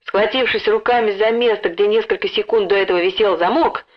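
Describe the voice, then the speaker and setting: A woman narrating a story in a lively, expressive way, acting out the dialogue. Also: mid-range voice, a little fast. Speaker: audiobook narrator. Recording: dull lo-fi recording.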